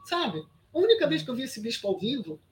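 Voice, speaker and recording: A woman's voice: high voice, very animated, quick pace, slight background noise. A Brazilian woman in her sixties, an actress guesting on an interview podcast, tells a story emphatically with many restarts and "sabe?" asides. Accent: Brazilian Portuguese.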